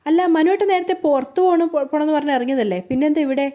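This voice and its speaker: A woman's voice: high-pitched, racing, warm tone, voice pushed up, lightly acted. A woman voicing a spoiled, cruel young pregnant woman who sneers dismissively. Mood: contemptuous.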